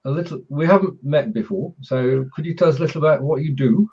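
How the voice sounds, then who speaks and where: A man hosting a casual online chat show, explaining things in a halting, measured way. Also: a little high, a little mellow, husky. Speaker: host. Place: group video call. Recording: dull, lo-fi video call audio.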